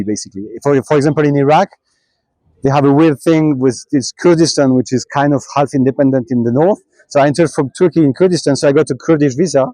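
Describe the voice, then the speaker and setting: A young man, a cyclist answering questions in a relaxed interview, pausing and restarting often. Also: fairly high pitch, no room sound, low-quality recording. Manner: halting, many restarts and fillers. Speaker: traveling cyclist.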